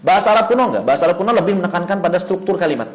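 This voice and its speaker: A man's voice: high-pitched, lively intonation, poor audio. Man teaching, answering his own questions. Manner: explains with questions he then answers himself; chants Quranic words slowly and drawn out. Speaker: tajwid teacher. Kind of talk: online lesson.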